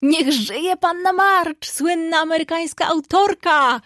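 A woman puts on a cheerful, teasing young man from a storybook. He is playful and light with his friend. The sound is dry and close, with a fairly high voice. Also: moderate pace, a little mellow, no room sound, natural voice.

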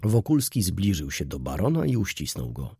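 A man narrating a classic novel in an expressive, theatrical reading. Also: sits low, moderate pace, creaky, breathy edge, no echo, studio quality. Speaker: audiobook narrator.

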